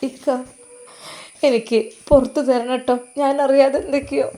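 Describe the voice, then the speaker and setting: A woman's voice: high-pitched, level tone, moderate pace, warm tone, close to an everyday voice. A woman voicing a remorseful young wife, pleading and apologetic.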